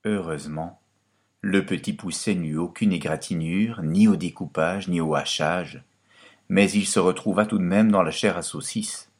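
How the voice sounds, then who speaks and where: A man narrating a fairy tale in a scripted, expressive storytelling manner. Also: low voice, moderate pace. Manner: expressive storytelling, lively and dramatic.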